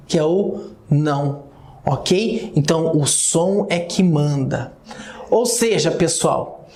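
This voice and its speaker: Brazilian man as a lecture-video teacher: slow, explanatory, keeps checking in with students; roomy echo. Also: sits high, darkish tone. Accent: Brazilian Portuguese. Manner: explanatory, addresses viewers often with "olha só" and "galera".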